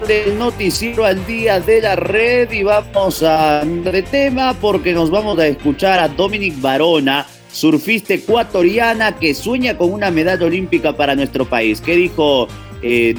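A man's voice: high voice, expressive, moderate pace, soft background music. A man presenting a sports news bulletin.

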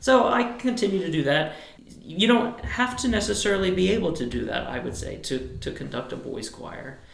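Animated and creaky-voiced, a male choir director with a high tenor speaking voice gives rambling, thoughtful answers in a relaxed interview, restarting now and then. He keeps a moderate pace, the sound is roomy, and there's slight background noise.

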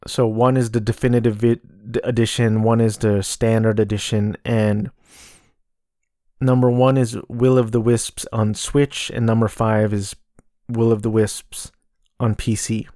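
A man hosting a casual solo gaming podcast in a monotone, low-energy voice with vocal fry, hesitating and stammering over repeated words. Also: a little slow, dry recording, clean studio sound. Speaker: podcast host. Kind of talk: casual solo podcast talk about video games.

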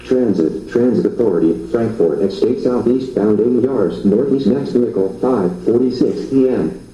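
A synthetic male screen-reader voice comes from a phone speaker held some distance from the mic, so it sounds roomy and dull. Its tone is dark and muffled. It reads button names and labels in short, flat, clipped bursts. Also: mid-range voice, moderate pace. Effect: synthetic screen-reader voice played from a phone speaker held away from the mic.

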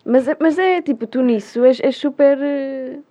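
A woman's voice: high voice, measured pace, mellow, lo-fi sound. A young woman with a European Portuguese accent, co-hosting a casual chat and telling stories with frequent laughter. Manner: chatty storyteller, laughs often. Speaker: podcast co-host.

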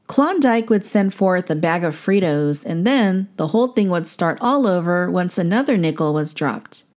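A woman's voice: lowish voice, animated, moderate pace, darkish tone. A woman narrator reading a scripted documentary.

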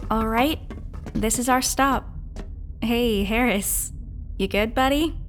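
A woman playing a caring, gently bossy crewmate in a sci-fi audio drama. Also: fairly high pitch, takes it slowly, soft background music. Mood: friendly, coaxing.

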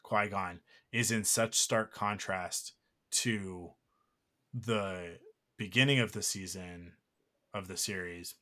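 A man's voice: sits low, takes it slowly, bright, forceful tone. Rambling, emotional male podcast host. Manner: rambling, emotional, many fillers and restarts. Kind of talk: casual podcast chat.

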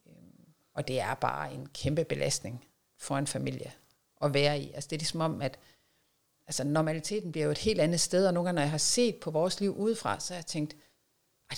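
A woman's voice: on the low side, creaky. A woman reflecting on caring for a sick child in a conversational interview, thinking aloud with frequent fillers.

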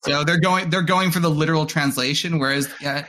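A man with a slightly raised pitch recaps an episode for his friends. He trips over words and restarts as he goes. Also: steady tone, bright, forceful tone. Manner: recapping plot with halting restarts. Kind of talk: casual chat.

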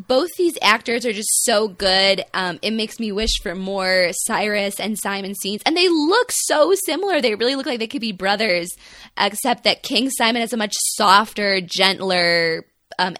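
A woman's voice: medium pitch, lively intonation, moderate pace, pushed and bright, no room sound, studio quality. A woman co-hosting a podcast, chatting casually and animatedly about a TV show, with frequent "um" and "like". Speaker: podcast co-host. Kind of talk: casual chat.

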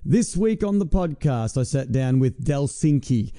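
Australian male podcast host, dark relaxed tone, mid-range pitch, informal delivery. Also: measured pace. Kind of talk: casual podcast hosting.

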